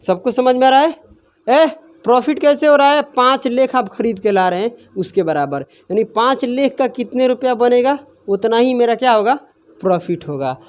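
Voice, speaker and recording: High-pitched guy teaching maths, quizzing the class over and over. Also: expressive, normal speed. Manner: asks students constant questions, then answers them himself; scolds students for laughing.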